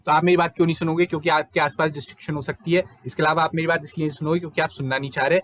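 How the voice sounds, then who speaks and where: A young man teaches in a relaxed, chatty way, switching between Hindi and English terms. His voice sits a little high. He keeps asking his students rhetorical questions and then answers them himself. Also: racing. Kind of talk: casual exam-prep lecture.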